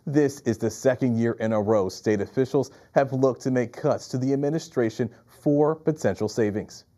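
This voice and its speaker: A male news anchor with an American accent delivers scripted copy in a mellow, soft-edged voice. His pitch sits in the middle range for a man. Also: moderate pace.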